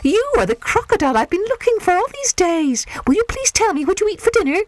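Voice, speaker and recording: A woman voicing a small, curious, polite young elephant boy who speaks high and eager. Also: wildly swooping pitch, brisk, music in the background.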